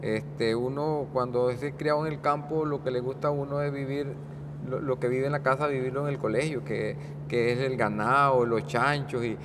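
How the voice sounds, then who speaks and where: A man in his sixties from Guanacaste with a Guanacaste Costa Rican accent, a guest talking in a casual interview, rambling and halting with many restarts. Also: medium pitch, steady tone, background noise. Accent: Guanacaste Costa Rican Spanish. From Costa Rica, Guanacaste. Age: 60s.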